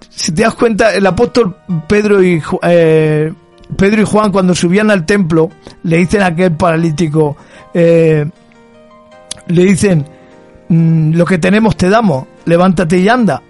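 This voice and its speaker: A man's voice: high-pitched, a little mellow. A man from Spain, preaching a sermon. He tells a story and then builds to fervent, emphatic repetition.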